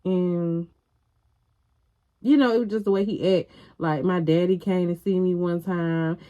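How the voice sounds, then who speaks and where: A young woman with a lowish, mellow voice tells her viewers a wild personal story. She talks frankly and casually, drops swear words without a second thought, and keeps turning to address the audience directly. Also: steady tone, unhurried, highs cut off. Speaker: vlogger.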